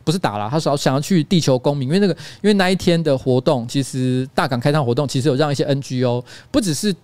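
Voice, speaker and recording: A man in his thirties with a Taiwanese Mandarin accent hosts a radio-style livestream and tells stories in a self-mocking way. He talks in a rapid, tumbling rush, often restarting his sentences. His voice sits fairly high, and the recording is close and dry, with no room sound. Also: no echo. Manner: animated storyteller, self-mocking, with frequent restarts. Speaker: host.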